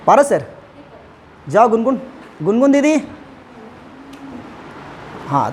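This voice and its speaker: A man's voice: very high-pitched, a bit bright, slight background noise. A male chemistry teacher gives a classroom lecture at the board, explaining step by step and addressing students affectionately.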